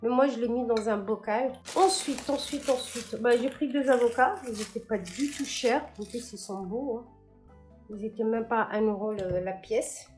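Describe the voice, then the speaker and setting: A woman's voice: on the high side, moderate pace, darkish tone, soft background music. A woman in her thirties chatting casually about her groceries, hesitant, with many fillers and restarts. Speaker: cooking vlogger. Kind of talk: casual shopping haul chat.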